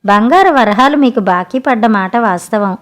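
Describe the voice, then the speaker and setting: Proud, foolish storybook king, read by a woman narrator, slightly high and plain. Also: animated, moderate pace, lightly acted. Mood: indignant. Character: proud, foolish male king, easily flustered.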